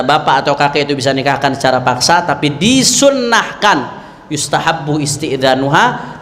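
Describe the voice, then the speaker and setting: A man's voice: mid-range voice, a bit bright. A middle-aged man, teaching a religious study class in a joking way and bantering with his audience. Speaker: Islamic teacher. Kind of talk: humorous religious study lecture. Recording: reverberant hall, faint ambient noise.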